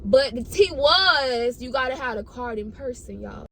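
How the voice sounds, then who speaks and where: A fairly high-voiced woman tells her story in a casual, slangy way. She is animated and dramatic, repeating phrases to drive points home. Some noise runs behind her voice. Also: measured pace, gravelly. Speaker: storytime vlogger. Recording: noticeable background noise.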